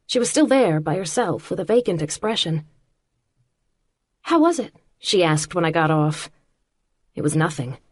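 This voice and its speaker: A woman narrating an audiobook in the first person with a measured, quietly intimate reading. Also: deep voice, no room sound.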